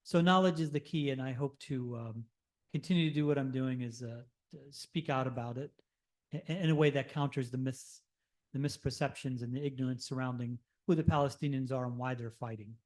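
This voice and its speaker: A man's voice: mid-range voice, a little fast. A man giving an earnest, persuasive talk as guest speaker at a church service, with a few restarts. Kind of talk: speech to a congregation.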